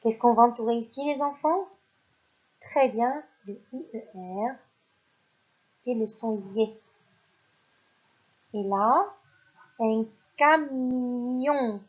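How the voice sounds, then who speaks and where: A woman teacher leads young children through a phonics lesson, speaking slowly and clearly and praising them often. Her voice sits a little high. The recording is dull and lo-fi. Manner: slow, clear, encouraging teacher talk, praising unseen pupils. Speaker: primary school teacher.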